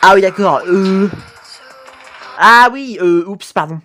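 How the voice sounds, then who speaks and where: A woman talking as an excited anime fan in a casual, sweary reaction commentary, gushing with slangy exclamations. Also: medium pitch, takes it slowly, faint music behind. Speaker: reaction video host.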